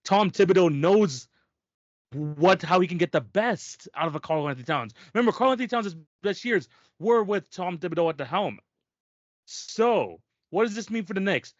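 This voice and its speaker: A man's voice: high-pitched, lively intonation, no room sound. Emphatic man talking sports, dry lo-fi. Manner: fast, emphatic, restarts sentences often. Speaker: podcast co-host. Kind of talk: casual sports chat.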